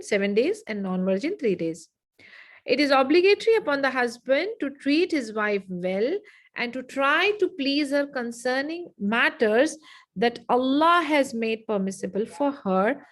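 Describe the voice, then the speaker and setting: A woman leads an online lesson, speaking in a somewhat high voice. She dictates slowly and repeats phrases so her students can take notes. The sound comes through a video call. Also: low-quality recording. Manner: slow, repetitive dictation with frequent "okay". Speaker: Islamic studies teacher.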